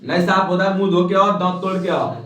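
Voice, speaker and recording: A high-voiced male teacher lectures a class, teasing his students and peppering them with questions. He sits back from the microphone, and the room rings with echo. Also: quick pace, a crowd in the background. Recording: echoey classroom from far off.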